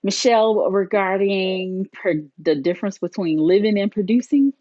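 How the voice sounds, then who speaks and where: A woman's voice: medium pitch, normal speed, dark tone, dry recording, dull audio. A woman in her forties co-hosting a casual chat, reflective and laughing often, tagging her points with "right?". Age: 40s. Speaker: podcast co-host.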